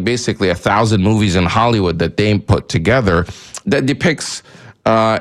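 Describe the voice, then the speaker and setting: An Egyptian man whose first language is Arabic hosts a call-in radio show. His very low voice carries a gravelly fry. He rambles, backtracks and restarts, leaning heavily on fillers while thinking aloud.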